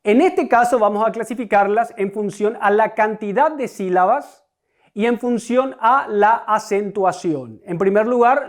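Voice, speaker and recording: Una voz docente de altura media que dicta una clase de lengua grabada, pausada y explicativa. Se dirige a sus alumnos a cada rato para que se fijen en los ejemplos, y repite cada concepto importante con paciencia. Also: mid-range voice. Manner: deliberate, explanatory, repeats key concepts; addresses students directly. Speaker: teacher. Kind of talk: recorded online grammar lesson.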